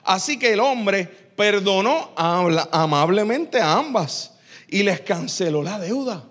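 A man preaching a lively, joking sermon in church, teasing his congregation with quick asides. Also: sits high. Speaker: pastor.

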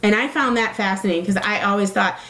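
A woman's voice: medium pitch, quick pace, a bit bright. Woman, casual chat, rambling, lots of fillers, self-correcting, echoey room.

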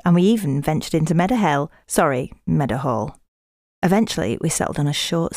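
A woman's voice: deep voice, gravelly, darkish tone, dry recording. A woman with a Yorkshire accent narrating a detective audio drama in a dry, self-mocking way.

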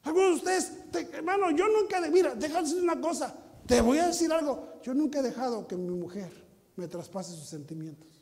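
A man preaching a sermon as pastor, emphatic and teasing, swinging between loud and hushed. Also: extremely high pitch, animated, brisk, big-room sound. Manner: teasing, mocking asides to the congregation.

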